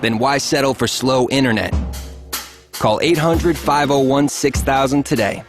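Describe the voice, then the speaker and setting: A man's voice: medium pitch, steady tone, a little slow. A man voicing a scripted radio advert as a sports writer. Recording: music bed behind voice.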